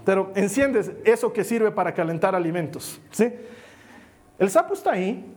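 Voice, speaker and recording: A man's voice: high voice, lively intonation, moderate pace, darkish tone. A male pastor preaching a sermon in a conversational way, often checking in with his listeners and acting out little quotes as he tells a story. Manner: conversational, asks listeners for assent; plays out a story with small acted quotes.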